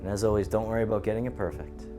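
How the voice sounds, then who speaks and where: A man leads a tai chi lesson as instructor, giving serene, gentle, unhurried cues for movement and breathing. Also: lowish voice. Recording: music under the voice. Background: instrumental music.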